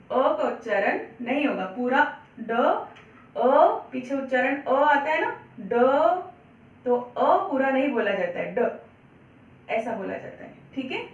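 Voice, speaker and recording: A woman with a high voice teaches young children at an unhurried pace, repeating each word and answering her own questions. The recording is dull and echoey, with the mic some way from her. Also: distant mic. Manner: patient, repeats words slowly, asks and answers own questions. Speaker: primary school Hindi teacher. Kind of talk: children's online lesson.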